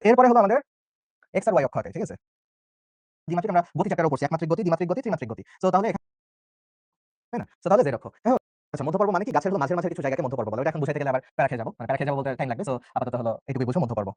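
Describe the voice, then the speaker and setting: A man's voice: fairly high pitch, lively intonation, rapid-fire, a little mellow, no echo. A young man from Bangladesh teaching an online exam-prep biology lecture, chatty and joking, often checking in with his students. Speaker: biology tutor.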